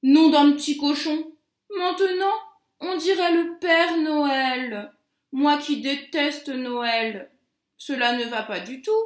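A woman's voice: high-pitched, slow. A woman voicing a grumpy male storybook wolf who hates Christmas, exclaiming in indignation. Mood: indignant. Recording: roomy echo.

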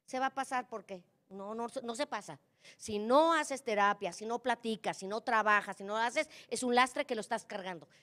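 A woman's voice: fairly high pitch, normal speed, a bit bright. A middle-aged woman with a Mexican accent gives a motivational conference talk. She speaks colloquially and teases the audience, addressing them directly.

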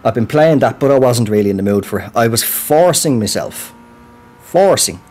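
A man's voice: medium pitch, animated, normal speed, darkish tone. An Irish man giving a casual personal update as a gaming channel host, rambling and colloquial in a self-deprecating way.

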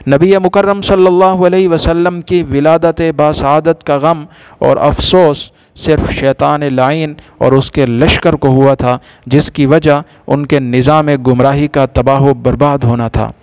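A man narrating a religious story in a measured, formal storytelling manner. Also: a little high, steady tone, darkish tone, clean tone.

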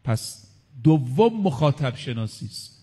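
A man's voice: medium pitch, sing-song, warm tone, husky. Man preaching in a reverberant hall. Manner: counts points aloud, quotes Arabic sayings. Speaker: cleric preacher. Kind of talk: religious lecture.

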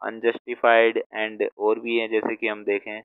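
A man's voice: on the low side, completely flat delivery, clear, resonant tone, dry recording. Man teaching vocabulary over a tinny line. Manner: slow, repeats words while writing them out. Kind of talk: explaining word meanings in a class. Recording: tinny phone-like sound.

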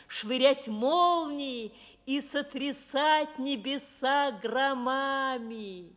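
A woman voicing a calm, proud river in an old Soviet radio play, telling the story slowly and solemnly. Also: high-pitched, long reverb tail.

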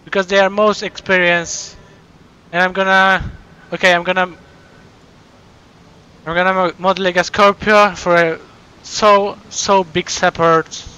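A man streaming live and chatting casually, thankful and excited, often stumbling and repeating his words. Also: sits high, unhurried, clean tone, low-quality recording.

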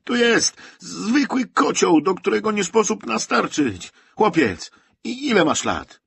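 A man voicing an irritable, harried army lieutenant colonel in an audiobook who shouts in a high, strained voice. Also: very animated, slow, slightly rough, dry recording, exaggerated voice. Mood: angry.

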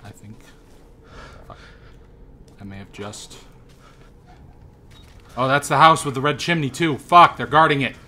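A man hosting a horror game playthrough, grumbling, swearing often and sometimes shouting when startled. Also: medium pitch, lively intonation, takes it slowly, pauses often. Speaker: host. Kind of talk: profane gaming commentary.

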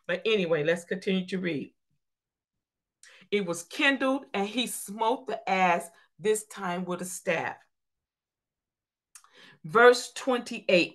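A woman's voice: medium pitch, fairly bright tone. A woman preaching a church sermon, reading scripture aloud, explaining it in plain folksy talk and calling out to the congregation. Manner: calls out to the congregation; informal, folksy phrasing.

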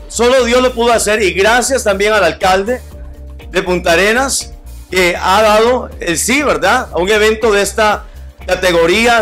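A man's voice: sits high, fairly bright tone. A man at an outdoor event, speaking fervently about faith and family into a handheld mic. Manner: fervent, religious, halting with fillers. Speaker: foundation organizer. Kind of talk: impassioned event speech. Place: outdoor tent at a public event.

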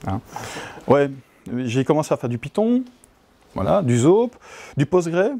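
Speaking in a conference hall, this middle-aged conference presenter from Belgium, with a Belgian French accent, keeps things chatty and pokes fun at himself. His slightly high, mellow voice has a sing-song lilt and some vocal fry, delivered at a measured pace.

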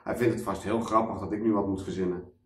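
A man, a children's author, reading a children's story aloud as a lively storyteller. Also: lowish voice, fast. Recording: echoey room, mic at a distance.

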